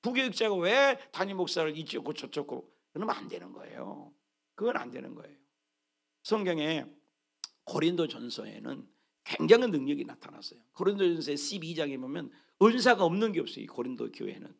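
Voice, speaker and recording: A male pastor preaching a sermon to his church, exclaiming with sudden loud bursts. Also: a little high, sing-song, fairly quick, vocal fry. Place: church sanctuary.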